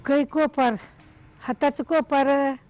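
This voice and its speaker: A woman under hypnosis giving slow, halting short answers during a trance session. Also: high-pitched, fairly even intonation, darkish tone, poor audio. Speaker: hypnosis subject.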